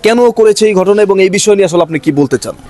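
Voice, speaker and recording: A man playing a reporter, asking formal questions and trying to calm people down. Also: sits high, very fast, close to an everyday voice. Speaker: reporter in a staged news drama. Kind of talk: mock TV news reporting.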